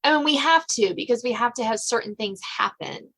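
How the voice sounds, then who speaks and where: A slightly high, animated American woman speaks a little fast with vocal fry and a somewhat bright tone. As a podcast host and suspense novelist, she leads a casual interview in a rambling, chatty manner, peppering it with filler phrases and plenty of "you know."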